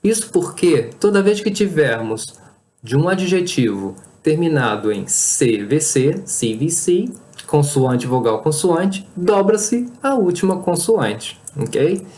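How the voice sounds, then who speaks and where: A patient teacher explains a language lesson. The pace is slow and unhurried, with a very lively pitch. Each word in a list gets its own clear beat. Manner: spells out word lists one word at a time. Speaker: English teacher.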